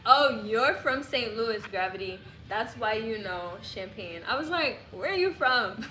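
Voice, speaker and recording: A young woman from Illinois, hosting a casual livestream, reads comments and responds playfully to viewers' guesses, laughing frequently and guessing aloud. Her fairly high voice is animated with a sharp tone and measured pace, captured in an echoey room with clear background noise.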